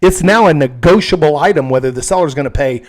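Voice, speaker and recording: A man's voice: fairly high pitch, fast. A man working as a real estate agent, explaining things frankly and casually, often checking in with "okay?".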